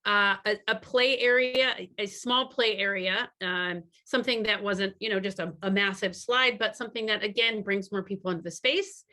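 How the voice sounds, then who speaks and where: A woman's voice: medium pitch, normal speed, hardly any pauses, bright, forceful tone. A woman on a video call summarizing her breakout group's ideas at a community meeting, with many fillers and restarts.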